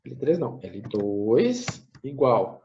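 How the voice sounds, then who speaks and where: A man teaches a math class, walking through each step aloud and correcting his own slips. His voice swings up and down with animated intonation. The recording is muffled and lo-fi. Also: medium pitch, slow pace, slight background noise. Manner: thinks aloud, tags phrases with "né?", corrects himself. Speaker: math lecturer.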